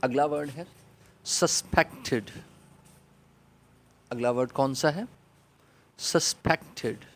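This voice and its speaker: A man with a Pakistani accent teaching an online English class to children, saying each vocabulary word loudly and repeating it for them to copy. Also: medium pitch, steady tone, hardly any pauses. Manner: opens with an Arabic prayer, then explains in Urdu.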